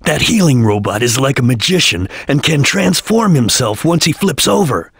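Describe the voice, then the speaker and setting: A man voicing a serious, disciplined ninja chameleon in a video game, with a husky, gravelly voice and a terse, stern, deliberate manner. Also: medium pitch, big pitch swings, a bit bright, no room sound, clean studio sound, exaggerated voice. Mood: calm, tactical. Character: serious, disciplined male ninja chameleon detective, cool and tactical. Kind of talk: video game character voice lines.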